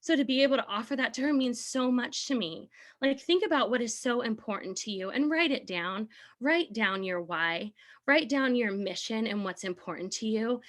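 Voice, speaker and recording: Earnest encouraging woman, slightly high voice. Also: animated, moderate pace, a bit bright. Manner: earnest, encouraging, sometimes laughing. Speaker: team leader. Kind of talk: motivational talk.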